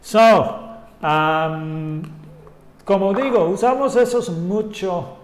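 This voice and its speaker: A man's voice: high voice, very slow, echoey room. A man whose first language is English, teaching an online English lesson in Spanish and repeating example phrases to show rising and falling intonation.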